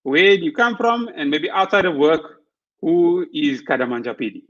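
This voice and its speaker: A young man hosts a career podcast over a video call from a small room, wearing headphones, and his delivery is friendly but slightly rehearsed. His voice is fairly high and a bit bright at normal speed, with the highs cut off in the headphone and video call audio.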